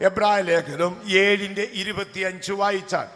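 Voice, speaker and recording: A man preaches a Pentecostal sermon in a high, bright voice with a gravelly edge. He tells homely stories and then lifts into shouted calls to the congregation. The long reverb of a church hall rings behind him. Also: moderate pace. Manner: storytelling, swings to shouted calls for hallelujah. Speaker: pastor.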